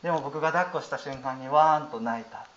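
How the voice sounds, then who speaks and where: Kansai-accented Buddhist priest, male, 30s, soft storytelling dharma talk, roomy and a bit muffled. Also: medium pitch, fast talker. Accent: Kansai Japanese. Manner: gentle, storytelling, many fillers. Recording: roomy, slightly dull audio.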